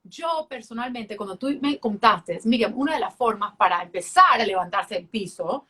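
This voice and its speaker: A woman's voice: fairly high pitch, lively intonation, normal speed, sharp tone, breathy edge. A middle-aged woman co-hosting a casual podcast, telling a personal story with emphasis and acting out what people said. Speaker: podcast co-host.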